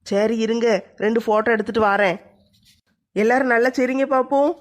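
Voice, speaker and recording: A woman's voice: a little high, fairly even intonation, fairly quick, noisy background, natural voice. A woman playing a bold, helpful young village woman in a family skit, cheerful and teasing.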